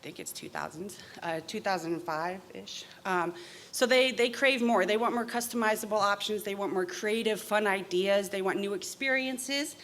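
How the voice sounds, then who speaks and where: A woman gives a business pitch from a stage in front of a screen. She talks steadily and fills pauses with frequent "um"s, and a faint noise sits under her voice. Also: fairly bright tone. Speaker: pitch presenter.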